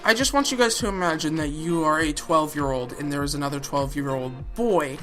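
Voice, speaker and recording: A woman's voice: lowish voice, a bit bright. A young woman hosting a reaction video, talking bluntly and sarcastically and swearing freely. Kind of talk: casual reaction commentary. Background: background music.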